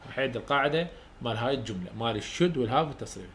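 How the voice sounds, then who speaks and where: A man's voice: mid-range voice, animated, a bit bright, a little hiss or hum. Iraqi man dictating grammar rules. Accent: Iraqi Arabic. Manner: repeats rules slowly for dictation; colloquial step-by-step explaining. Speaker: university English tutor. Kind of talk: lecture.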